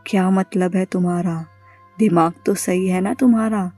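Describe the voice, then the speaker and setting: A woman's voice: fairly low pitch, fairly even intonation, normal speed, mellow, faint music behind, lightly acted. A woman voicing a ruthless female witch who speaks in cold, scornful threats in a horror storybook.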